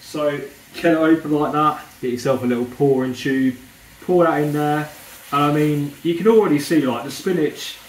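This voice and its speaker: A man's voice: on the high side, moderate pace. A man who pronounces his R's like W's, chatting informally to viewers as he presents a home cooking tutorial. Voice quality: speech impediment, says w for r. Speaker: home cook presenting a recipe video. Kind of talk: casual cooking tutorial chat. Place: indoors in a kitchen. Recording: roomy, distant mic, faint background noise.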